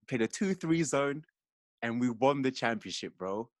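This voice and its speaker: Boastful podcast co-host, mid voice, close dry recording. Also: male voice, mid-range voice, lively intonation, normal speed, no room sound. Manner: boastful, laughing, slangy. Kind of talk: casual podcast chat.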